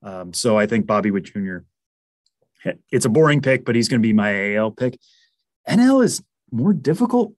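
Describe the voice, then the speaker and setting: A man's voice: mid-range voice, sing-song, moderate pace, dry recording. A man with a Massachusetts accent, analyzing baseball prospects in a casual interview, chatty with lots of fillers and restarts.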